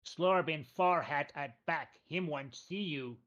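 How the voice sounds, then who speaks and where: A man voicing a gruff female goblin trainer who gives clipped, bossy orders in simple speech. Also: on the high side, a bit bright, muffled recording, pitched above the performer's own voice. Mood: commanding. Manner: slow, clipped broken-English commands.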